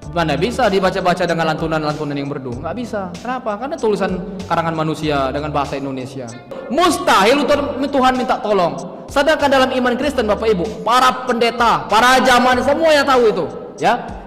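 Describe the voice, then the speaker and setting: A man's voice: high-pitched, fairly bright tone. Male preacher, rhetorical style, echoing hall recording. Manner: addresses audience as Bapak Ibu, rhetorical questions. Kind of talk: religious lecture to an audience.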